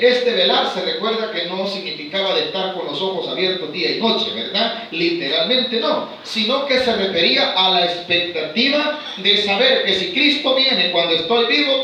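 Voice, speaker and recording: A man leading a church Bible study, asking his listeners questions and reading verses slowly aloud. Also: high voice, sharp tone, distant mic, slight background noise. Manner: asks the congregation rhetorical questions, slows to read verses aloud. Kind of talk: sermon-style Bible study. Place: church hall. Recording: very echoey church hall, voice off-mic.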